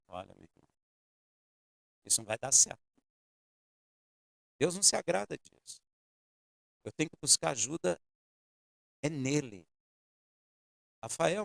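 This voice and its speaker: Gravelly pastor preaching. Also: male voice, medium pitch, no echo. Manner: storytelling with shifting loudness, addresses congregation directly. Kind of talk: sermon. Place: church.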